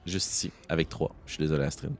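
A man's voice: very deep voice, steady tone, fast talker, darkish tone, a little hiss or hum. A young man narrating a tabletop game as game master, with vivid storytelling and sound effects.

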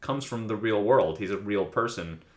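A man's voice: fairly low pitch, lively intonation, moderate pace. A man co-hosting a podcast, analyzing an episode in an earnest, casual way. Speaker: podcast co-host. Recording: roomy echo.

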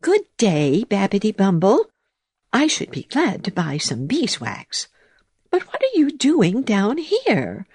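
A woman's voice: mid-range voice, huge pitch swings, slow, darkish tone, husky, no echo, pitched above the performer's own voice, exaggerated voice. A woman voicing a fussy, very tidy little female mouse in a storybook reading, prim and scolding. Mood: severe.

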